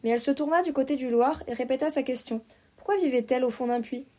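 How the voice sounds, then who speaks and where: A woman narrating a storybook aloud at an even, clear reading pace. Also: high-pitched, quick pace. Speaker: audiobook reader.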